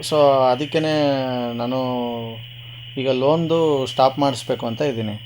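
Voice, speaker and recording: A man with a mid-range, slightly mellow voice talks at a moderate pace in a radio prank call. Playing a baffled customer, he argues and questions relentlessly, and the recording is clearly noisy.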